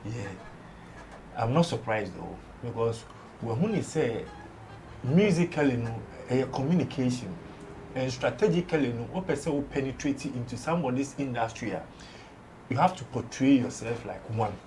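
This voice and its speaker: A man with a Ghanaian accent shares his opinions on a studio entertainment show, moving between English and Twi with emphasis. His mid-range voice is animated and somewhat dark, delivered at a moderate pace. The low-quality recording carries a faint hiss or hum.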